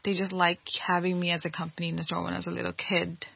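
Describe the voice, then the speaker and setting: Relaxed young woman, interview guest. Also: on the low side, fast, creaky, slightly rough. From Hong Kong. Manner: relaxed, chatty storyteller with little laughs. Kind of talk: casual interview talk. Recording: dry, dull lo-fi audio.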